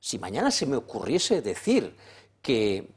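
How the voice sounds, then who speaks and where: A man from Valencia, Spain, arguing forcefully as a commentator on a political panel, repeating phrases for effect. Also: medium pitch, huge pitch swings, measured pace, husky. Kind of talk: heated political panel debate.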